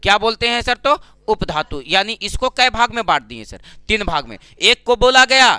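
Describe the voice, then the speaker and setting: A man's voice: sits high, sing-song, a little fast, bright, forceful tone, clear, resonant tone, no echo. A man teaching an exam-prep lesson, who asks his own questions and answers them, repeating key terms. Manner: calls students "sir" and "babu". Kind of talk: exam-prep classroom lecture.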